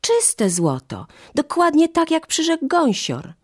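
A woman voicing two young children, a boy and a girl, in a high, eager, exclaiming voice. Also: very animated, a little slow, a little mellow, slightly rough, exaggerated voice. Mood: excited.

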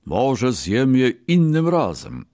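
A man voicing a frail old male beggar with a weak, trembling voice, pleading slowly in a storybook reading. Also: medium pitch, wildly swooping pitch, warm tone, no echo, studio quality, voice pushed up. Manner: slow, pleading, plaintive.

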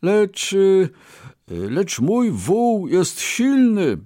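Man putting on a high, excitable poor Brahmin. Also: drawn-out words, dry recording, studio quality, exaggerated voice. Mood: insistent. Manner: high, strained, exclaiming.

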